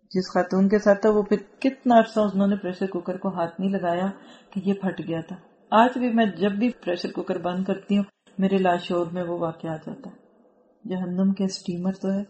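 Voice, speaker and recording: A woman's voice: on the low side, mellow. A woman from Pakistan giving a Quran commentary lecture, earnest and admonishing, reciting Arabic verses and explaining them. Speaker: Quran teacher. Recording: roomy echo.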